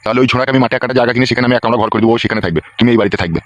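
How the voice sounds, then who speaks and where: A man voicing a gruff, bossy village father-in-law in a comedy cartoon. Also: mid-range voice, rapid-fire, muffled recording, very noisy, lightly acted. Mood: laying down rules.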